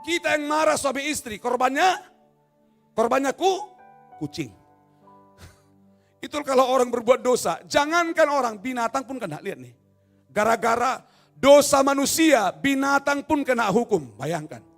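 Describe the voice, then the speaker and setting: A man with a fairly high voice preaching a sermon in a church hall. He swings from hushed asides to shouted appeals and slips teasing jokes in between. Faint music plays softly behind him. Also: lively intonation, a little slow, pauses often. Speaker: pastor. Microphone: no mic at times.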